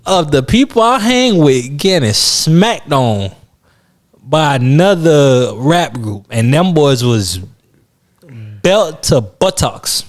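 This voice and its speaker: A man co-hosting a podcast, telling loose slang-heavy stories in casual chat that often trail off quietly. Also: a little high, expressive, takes it slowly. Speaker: podcast co-host.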